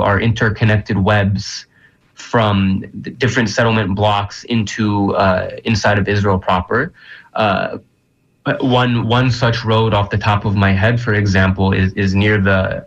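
Earnest man, low voice, dull audio. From Palestinian American. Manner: earnest, searching for words with frequent fillers. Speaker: guest. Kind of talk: interview answers.

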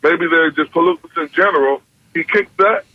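Radio call-in man heard over the phone, earnest and measured, on a muffled, close line with no room sound. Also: fairly high pitch, no room sound. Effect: heard through a phone line on a radio call-in. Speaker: caller to a radio show. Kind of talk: call-in comment. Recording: dull, dry phone line.

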